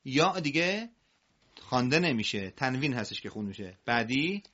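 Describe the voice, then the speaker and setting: A man teaching recitation, explaining quickly and then drawing out example words slowly for students to repeat. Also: medium pitch, sing-song, a bit bright. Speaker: Quran reading teacher. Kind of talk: recitation lesson. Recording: muffled lo-fi audio.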